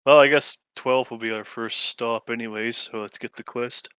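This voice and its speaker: A man's voice: mid-range voice, fairly even intonation, moderate pace, fairly bright tone, smooth, no room sound, clean studio sound. A man chatting casually as a player in a tabletop role-playing game.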